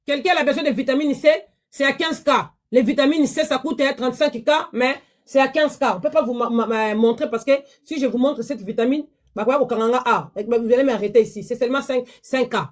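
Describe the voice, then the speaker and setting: A woman, hosting a live-stream sales pitch from her phone, chatty and repetitive, pleading with viewers. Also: fairly quick, few pauses. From DR Congo.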